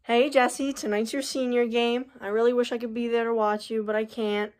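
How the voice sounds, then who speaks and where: Bubbly woman with a higher voice. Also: flat delivery, moderate pace, darkish tone. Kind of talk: heartfelt recorded video message.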